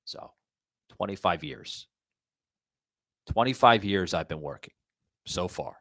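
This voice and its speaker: A Florida podcast host in his forties rambles and repeats himself in a casual rant to his listeners. His voice sits low and is fairly bright, with lively intonation and a slow pace, captured in a dry, studio-quality recording.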